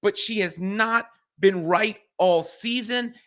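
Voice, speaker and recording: A man's voice: sits high, takes it slowly, a bit bright. A man giving solo sports reaction commentary in an earnest way, often restarting his phrases as he thinks.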